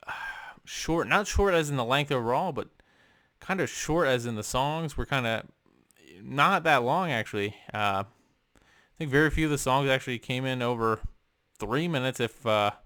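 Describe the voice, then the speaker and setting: A man's voice: medium pitch, fairly bright tone, clear, resonant tone, no echo, clean studio sound. A young man vlogging from his room, casually ranking albums with lots of ums and offhand swearing. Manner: rambling, many ums and uhs, casual swearing. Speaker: music vlogger. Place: home room.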